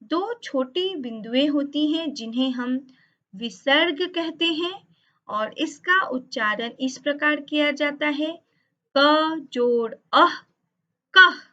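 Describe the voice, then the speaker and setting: A woman teaching over slides, speaking slowly and carefully and drawing out each sound she spells. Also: high-pitched, lively intonation, fairly bright tone. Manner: drawn-out, emphatic spelling of sounds. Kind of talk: slow, careful lesson narration over slides. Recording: dull lo-fi audio.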